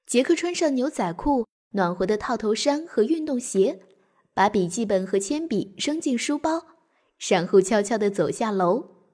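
Young woman storyteller, breathy voice, lively bedtime reading for kids. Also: a little high, moderate pace. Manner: gentle, expressive reading for children.

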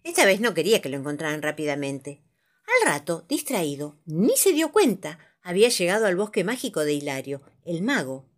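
A woman narrating children's stories as a storyteller, with a lively, dramatic reading style. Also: lowish voice, moderate pace.

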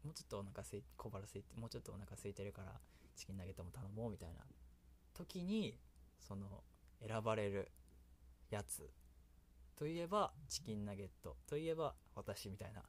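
With a mid-range, slightly bright voice and a Kansai accent, a man hosts a casual one-person radio show, wandering from topic to topic and chuckling at himself. There's slight background noise.

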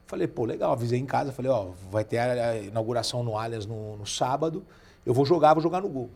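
A man's voice: medium pitch, fast, vocal fry. A man in his forties from Brazil, telling anecdotes in casual chat and acting out the voices of the people in them. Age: 40s. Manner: lively anecdotal, acts out quoted voices. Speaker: podcast guest. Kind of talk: casual storytelling.

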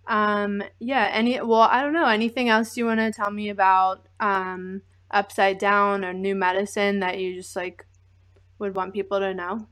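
A woman in her thirties interviewing a musician in casual chat, relaxed and friendly with many fillers. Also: medium pitch, normal speed. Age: 30s.

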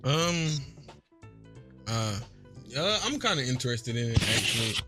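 A man co-hosting a casual gaming chat, relaxed and slangy. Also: mid-range voice, measured pace, soft background music. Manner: relaxed, slangy, says bro a lot.

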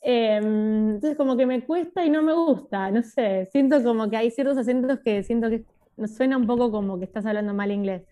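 Young woman, interview guest, musing and loose, slightly high voice. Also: fairly quick, dark tone. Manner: musing, loose, full of "o sea" and "como que". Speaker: guest, video creator. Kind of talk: casual interview chat.

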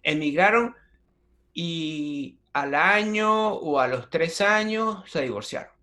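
A man's voice: fairly high pitch, animated, slow, pushed and bright. A man from Venezuela with a Venezuelan accent, a comedian chatting in an interview, telling stories animatedly with slang and frequent restarts. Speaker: comedian guest. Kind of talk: casual interview chat.

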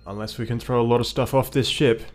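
A man's voice: mid-range voice, fairly even intonation, fast, soft background music, close to an everyday voice. A man voicing a worried young female crew member in an audiobook. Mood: grim.

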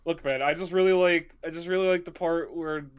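A man's voice: on the high side, steady tone, fairly quick, clear, resonant tone. A young man in a casual game chat who restarts his words a lot and gets enthusiastic and defensive.

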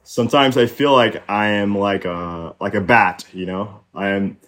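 Man from Haiti, young adult, low-pitched, reflective, halting with fillers, casual podcast chat. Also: steady tone, fairly bright tone. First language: French and Haitian Creole. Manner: reflective, many fillers and restarts. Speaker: podcast guest. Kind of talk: casual conversation.

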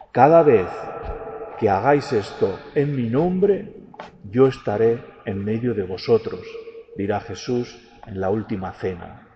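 Spanish priest guy from a castilian mass, slow solemn preaching, big cathedral echo, kinda muffled sound. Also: medium pitch, warm tone. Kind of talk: Gospel reading and homily at Mass. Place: large echoing church. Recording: cathedral echo, long reverb, dull, faint noise.

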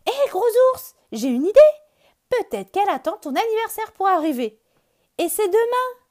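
A squeaky, impatient little rabbit boy, put on by a woman reading a storybook. He pleads and exclaims loudly, his voice pitched far above a normal speaking voice and swooping all over. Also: expressive, normal speed. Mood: eager impatient. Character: small eager impatient male rabbit, whiny.

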